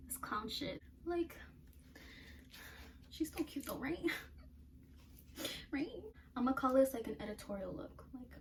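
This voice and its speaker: A woman's voice: sits high, animated, a little slow, long pauses, darkish tone. A young woman doing a casual makeup vlog, blunt and self-mocking, swearing freely and laughing at herself. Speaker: beauty vlogger. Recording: somewhat distant mic with faint noise.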